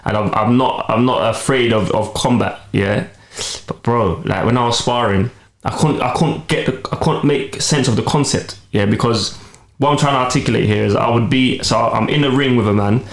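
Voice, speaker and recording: A man's voice: medium pitch, moderate pace, hardly any pauses. A man, co-hosting a podcast, rambling earnestly with lots of slang. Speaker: podcast co-host. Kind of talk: casual podcast chat. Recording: roomy room sound.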